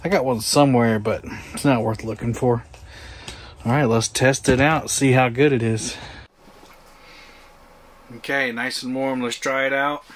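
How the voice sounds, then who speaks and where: A man vlogging casually while camping on an enclosed pontoon boat, chatty and relaxed, with plenty of filler words. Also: medium pitch, measured pace, long pauses, a little hiss or hum. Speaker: outdoor vlogger. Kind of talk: casual camping vlog talk.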